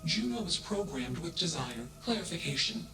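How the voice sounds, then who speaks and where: A man voicing an emotionless male AI that speaks in flat, clipped keywords, in video game dialogue with an echo and music underneath. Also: fairly high pitch, normal speed. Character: emotionless male AI mind, cold and literal. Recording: echoey game audio over music.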